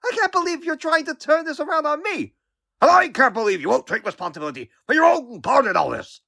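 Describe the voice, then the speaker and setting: A man's voice: high voice, big pitch swings, moderate pace, a bit bright, heavily acted. A man voicing a young wisecracking superhero in a comic book dub, earnest, sarcastic and easily riled. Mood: exasperated. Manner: quippy, sarcastic, youthful.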